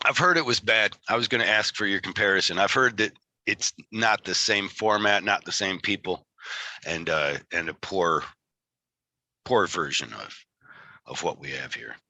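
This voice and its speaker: Michigan guy w great lakes accent chatting as host, super bright forceful voice, kinda rambly and apologetic. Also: low-pitched, normal speed, no echo. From Michigan, United States. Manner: rambling, self-deprecating, apologetic. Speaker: interview host. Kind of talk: casual chat interview.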